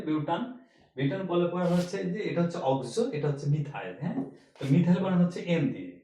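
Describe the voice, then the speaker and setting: An older man gives a chemistry lecture in class, explaining each step, repeating key points, and posing rhetorical questions. His voice is fairly high and darkish, with a reverberant sound.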